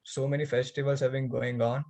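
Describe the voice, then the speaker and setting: A man's voice: medium pitch, fairly quick. Young man from India, chatty co-host. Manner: animated, lots of "like" and "you know". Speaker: podcast co-host, student club outreach lead. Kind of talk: casual podcast chat.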